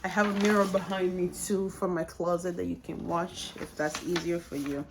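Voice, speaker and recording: A woman's voice: fairly low pitch, level tone, normal speed, noisy background. A woman casually talking through a postpartum exercise routine at home, plain-spoken and filling her speech with "uh" and "like". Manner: plain-spoken, with frequent "uh" and "like" fillers. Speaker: vlogger sharing postpartum exercises. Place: bedroom at home. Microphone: camera set up across the room.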